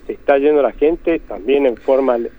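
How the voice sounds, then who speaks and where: An Argentine economist, interviewed by phone on a tinny line, makes his case emphatically and often rewords what he's said. His voice is mid-range and his speed normal.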